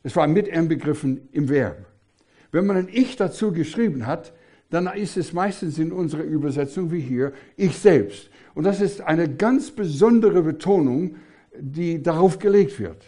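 Older male preacher, mellow, slightly raised voice, emphatic sermon with rhetorical questions. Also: a little high, animated, normal speed.

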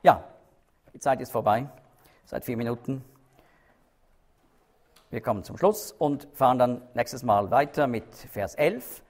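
A man's voice: mid-range voice, unhurried, long pauses, darkish tone. A man teaching a Bible study, explaining carefully, stressing key words and checking in with his listeners.

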